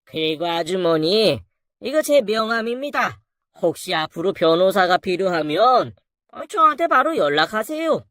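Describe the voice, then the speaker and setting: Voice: mid-range voice, big pitch swings, normal speed, fairly bright tone, no room sound, studio quality. A narrator playing a haughty law firm boss. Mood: lecturing. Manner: condescending, lecturing. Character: arrogant middle-aged male law firm boss.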